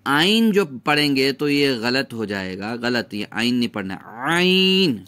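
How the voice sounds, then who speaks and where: A man teaching a recitation lesson, drawing out sounds slowly for students to repeat after him. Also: medium pitch, fairly bright tone. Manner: patient, drawn-out demonstration of sounds.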